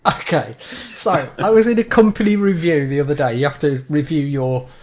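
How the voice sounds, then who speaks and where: A man's voice: on the high side, moderate pace, a little mellow. A man, co-hosting a podcast and telling jokey anecdotes in a casual chat. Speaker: podcast co-host. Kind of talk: casual storytelling.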